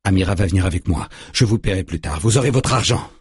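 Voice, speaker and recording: A man voicing a young woman, desperate and fierce, who shouts to protect her sister. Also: low-pitched, lively intonation, fast talker, husky, no room sound, clean studio sound, exaggerated voice. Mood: tense.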